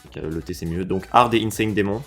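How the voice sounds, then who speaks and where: A lower-voiced man from France reacting to game levels in a casual streamer way. He drops into quiet mumbles, then jumps up loud and excited, swearing freely. Faint music plays under his voice. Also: quick pace. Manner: animated, swears and shifts from low mutters to excited outbursts.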